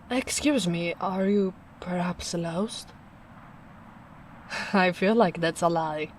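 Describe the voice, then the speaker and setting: In a soft-spoken ASMR roleplay, a young woman voices a gentle, protective female ogre, talking slowly and soothingly with quiet, breathy asides. Her pitch sits on the low side, and there's slight background noise.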